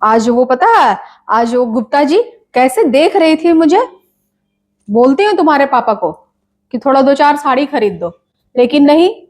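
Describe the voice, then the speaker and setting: A woman playing a complaining, scolding mother in a comedy sketch, nagging in quick bursts. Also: high-pitched.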